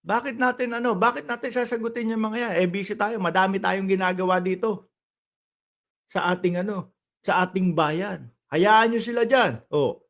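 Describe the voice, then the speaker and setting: A man from the Philippines runs a casual political commentary vlog in a notably high voice. He talks straight to his viewers with polite particles and rhetorical tag questions. His delivery rambles and restarts, then jumps into loud emphatic bursts. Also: normal speed, vocal fry.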